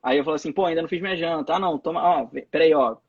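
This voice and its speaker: A twenty-something Brazilian man tells stories very fast as a guest in a casual interview over a live video call, with frequent restarts and repeated words. His fairly high voice is a little mellow and slightly rough. Recorded on a phone or laptop mic on the stream, the sound is dry with highs cut off.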